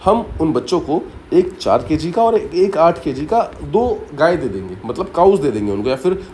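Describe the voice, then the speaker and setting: In this story-based mnemonic lesson for exam students, a man speaks at a normal pace with a slightly high, somewhat mellow, very animated voice. He walks through the material step by step, repeats the main points, and uses brief English asides, over a faint hiss or hum.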